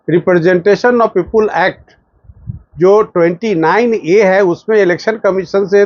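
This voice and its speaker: A man speaking as a lawyer in formal political commentary to a news channel, emphatic, with pauses and fillers. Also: sits high, a little mellow, no echo, lo-fi sound. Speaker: lawyer giving a statement.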